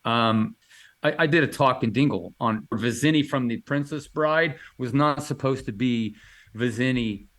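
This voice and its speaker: A man's voice: medium pitch, a little slow, a bit bright. A man answering interview questions in a casual, enthusiastic way, rambling with many fillers and restarts. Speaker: illustrator guest answering questions.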